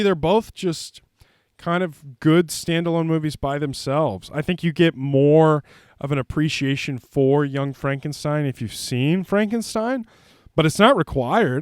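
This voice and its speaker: Smooth, dry-voiced rambling movie guy. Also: medium pitch, no room sound. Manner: rambling, filler-heavy, jokey. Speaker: host. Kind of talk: casual movie commentary.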